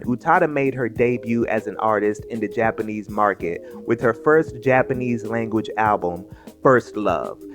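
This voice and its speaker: A man reading scripted narration in a measured, informative way. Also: medium pitch. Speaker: video essay narrator. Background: faint music.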